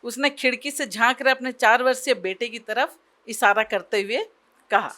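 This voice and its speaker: A woman telling an emotional story aloud in an expressive, dramatic way, pausing for effect. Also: on the high side.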